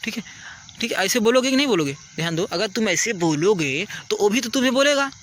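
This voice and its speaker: A man with a high, expressive voice talks quickly in a fairly bright tone, with slight background noise. He is a teacher outdoors at night giving children earnest, repetitive advice in a casual way, often saying "ठीक है" to make sure they understand.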